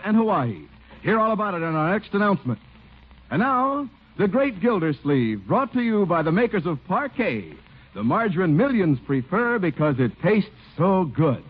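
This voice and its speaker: A man speaking as an old radio announcer, giving a polished, emphatic scripted show introduction and sponsor pitch. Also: breathy edge. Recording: tinny vintage radio recording with faint music.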